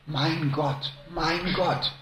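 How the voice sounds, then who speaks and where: A man preaching a sermon to a congregation, slow and emphatic, rising to loud stresses and dropping to hushed lines. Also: a little high, fairly even intonation, echoey room.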